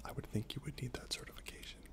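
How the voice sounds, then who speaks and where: A man speaking in a soft, breathy half-whisper, gently reading trivia aloud in an ASMR style while chewing gum. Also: racing. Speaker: ASMR host.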